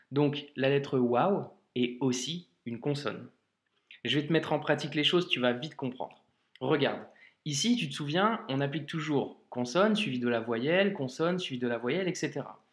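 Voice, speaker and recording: A man's voice: fairly high pitch, roomy sound. A man teaching Arabic reading in a video lesson, patiently spelling out sounds and checking in with the viewer.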